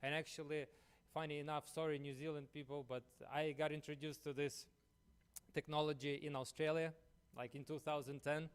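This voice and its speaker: A man's voice: a little high, flat delivery, normal speed, clear, resonant tone. A man from Ukraine with a Ukrainian accent, giving a conference presentation in a chatty way, full of "you know" and "uh". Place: conference room.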